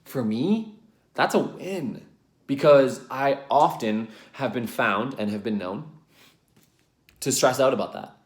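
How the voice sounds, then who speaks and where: A man's voice: medium pitch, takes it slowly, pauses often, reverberant. A man, a relationship coach, talking earnestly to camera in a casual vlog, rambling and correcting himself with many ums, sometimes getting worked up.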